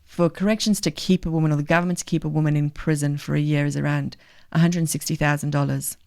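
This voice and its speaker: A woman's voice: deep voice, fairly even intonation, fast talker, vocal fry, a little mellow. A middle-aged woman with a faint South African accent, talking earnestly as a podcast guest, emphatic and thinking aloud. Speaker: guest, charity leader. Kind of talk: podcast interview.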